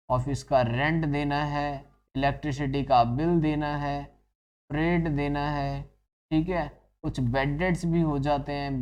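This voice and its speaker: A man's voice: fairly high pitch, a little mellow, dull audio. A man teaching accounting in a classroom-style lecture, asking his students questions and answering them himself, and slipping English terms into his talk. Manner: addresses students as children.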